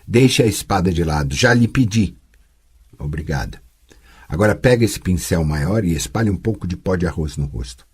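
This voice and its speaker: A man voicing a patient, teasing sorceress who tutors a girl, speaking calmly and gently chiding in an audiobook. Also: low voice, normal speed, husky, pitched below the performer's own voice, heavily acted. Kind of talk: audiobook character voice.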